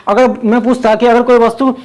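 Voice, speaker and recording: A man's voice: extremely high pitch, little pitch movement, fairly quick, a little mellow. A young man from Bihar explaining a physics lesson as a teacher, asking himself rhetorical questions as he goes. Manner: repetitive rhetorical questions, sings song snippets.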